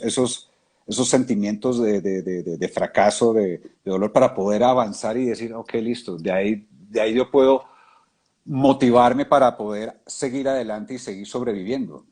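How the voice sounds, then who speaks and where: Hesitant man with a mellow husky voice. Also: fairly low pitch. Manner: hesitant, stumbles and repeats words while searching for ideas. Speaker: conversation partner. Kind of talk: casual conversation.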